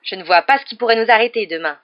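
A woman reading the part of an eager teenage boy team captain, calling out loudly in a storybook. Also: a little high, quick pace, pitched above the performer's own voice, natural voice. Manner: shouting, urgent. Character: loud eager male teen quidditch captain. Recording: dull lo-fi recording.

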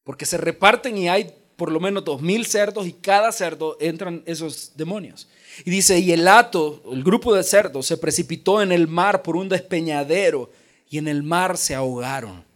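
A pastor from El Salvador preaching a lively sermon, joking and acting out the voices in the story. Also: male voice, a little high, normal speed. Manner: animated preaching with jokes and acted-out voices.

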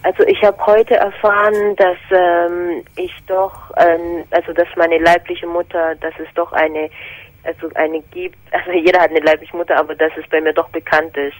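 A woman's voice: lowish voice, little pitch movement, normal speed, no echo, poor audio. Hesitant woman in her twenties, dry sound. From Korea. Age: 20s. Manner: hesitant, thoughtful, frequent fillers. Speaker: caller. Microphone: telephone.

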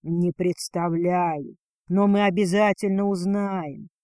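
Rich: A strong male dragon husband with a low, husky murmur, as a woman narrator voices him. His words come slow and breathy in a dry, close recording. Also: fairly even intonation, mellow, dry recording. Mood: tender.

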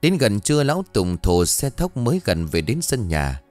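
A man reading an audio story aloud in an expressive, dramatic narration style. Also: fairly low pitch, moderate pace, dry recording, faint music behind.

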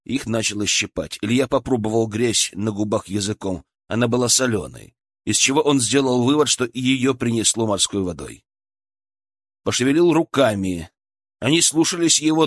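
Casting: male audiobook narrator, measured and dramatic, dry close sound. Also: mid-range voice, dry recording. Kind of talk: scripted narration.

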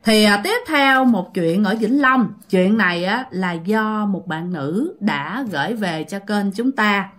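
A woman's voice: medium pitch, lively intonation, slow pace, hardly any pauses, a bit bright. A woman with a Southern Vietnamese accent hosting a channel, retelling listener-sent ghost stories in a chatty, repetitive way that speaks directly to the audience. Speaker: storyteller host.

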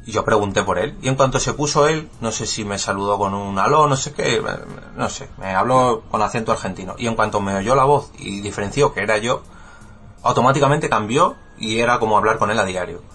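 Low-voiced Spaniard telling an anecdote. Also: male voice, brisk, fairly bright tone. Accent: Spain Spanish. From Spain. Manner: anecdotal, conversational. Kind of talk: casual chat.

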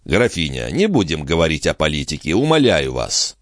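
A man's voice: a bass voice, huge pitch swings, moderate pace, no room sound, clean studio sound, full character voice. A man reading an audiobook, voicing a weary, evasive aging king who speaks unhurriedly.

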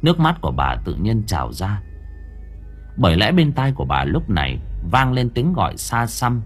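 A man reading a horror story aloud as an audiobook narrator, in expressive storytelling style. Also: fairly low pitch, moderate pace, husky, faint music behind.

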